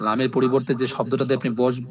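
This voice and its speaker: A man teaching a live online language class in a mid-range voice. He explains step by step, often pausing to ask if students follow. Then he drills word forms slowly, one after another, in long repeated lists. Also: medium pitch, level tone, heavy background noise. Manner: explains step by step, often checking "ঠিক আছে?".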